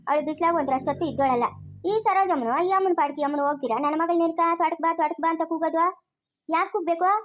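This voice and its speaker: A woman with a rural Chikkaballapur Kannada accent, quarrelling and scolding in a comic village family skit. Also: very high voice. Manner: quarrelsome, scolding back-and-forth.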